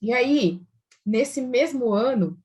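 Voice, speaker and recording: A woman from Brazil telling her personal faith story in an animated way, laughing often and using many fillers. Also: a little high, takes it slowly, breathy edge. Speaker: testimony guest.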